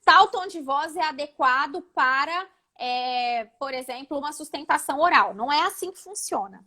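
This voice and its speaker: High-pitched female oratory coach, didactic, shows intonations as she teaches, on a video call. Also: lively intonation, moderate pace, pushed and bright. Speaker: oratory instructor, guest speaker. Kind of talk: live online talk, teaching.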